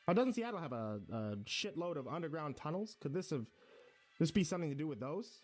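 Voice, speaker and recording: A man's voice: on the high side, sing-song, a little fast, faint music behind. A man playing a curious, questioning listener in a conversational audio drama.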